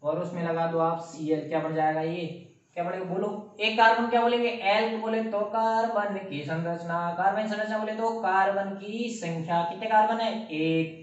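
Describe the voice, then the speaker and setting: High-voiced male teacher quizzing his class; very echoey, mic set far off. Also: moderate pace. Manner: animated, keeps quizzing the class. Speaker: chemistry teacher. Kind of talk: classroom lecture. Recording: roomy, distant, muffled sound.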